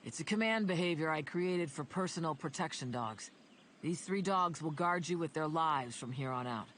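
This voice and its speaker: A woman voicing a gruff male dog trainer who speaks bluntly and gives commands in a storybook reading. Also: low voice, lively intonation, moderate pace, fairly bright tone, a little hiss or hum. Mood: commanding. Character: gruff man, dog trainer, brusque and teasing.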